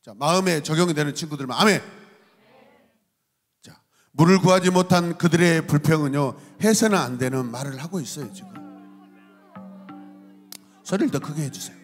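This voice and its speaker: A man's voice: a little high, normal speed, long pauses, big-room sound, faint music behind. A male pastor preaching a youth sermon, teasing and playful, acting out little voices. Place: church sanctuary.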